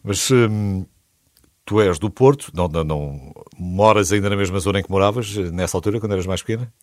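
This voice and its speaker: A man with a European Portuguese accent hosts the interview in a chatty, joking way. His voice is very low. The sound is close and dry, with no room echo. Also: a little fast, a little mellow. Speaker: radio show host. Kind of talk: casual interview chat.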